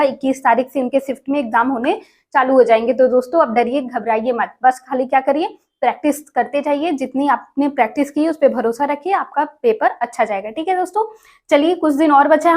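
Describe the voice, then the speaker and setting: A woman's voice: sits high, a little fast. A woman teaching an exam prep lesson, asking questions and repeating each answer for viewers. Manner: addresses viewers as friends, asks and repeats answers.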